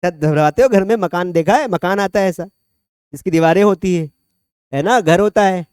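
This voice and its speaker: A male teacher, his voice sitting high for a man, lectures a classroom in a dry, close-miked sound. He chats, jokes and calls on students by name between points. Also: normal speed, a little mellow, clear, resonant tone, dry recording. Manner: chatty, joking, quizzes students by name. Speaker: English teacher.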